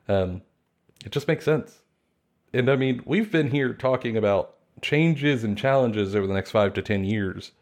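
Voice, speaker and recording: A man co-hosting a casual podcast, talking in a relaxed, rambling and jokey way. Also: on the low side. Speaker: podcast co-host.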